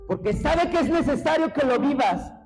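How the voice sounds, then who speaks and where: A man preaching a sermon as pastor in a church, impassioned and often shouting to the congregation. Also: extremely high pitch, lively intonation, moderate pace, music in the background, rough recording. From Mexico. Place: church sanctuary.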